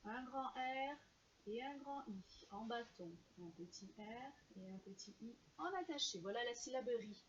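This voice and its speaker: A woman teacher giving a slow, clear reading lesson to young children and carefully sounding out each syllable. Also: on the high side, muffled recording, slight background noise.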